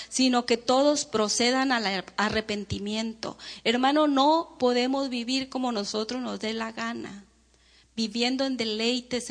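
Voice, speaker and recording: A woman's voice: high-pitched, a bit bright, in a large hall. A woman preacher giving a fervent sermon to her congregation, calling them brothers and sisters and acting out the prayers she quotes. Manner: dramatizes quoted prayers and speech.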